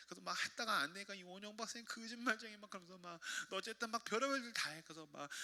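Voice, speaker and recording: A middle-aged man preaching a sermon as pastor, animated and expressive, loud in exhortation and soft when telling family stories. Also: high-pitched.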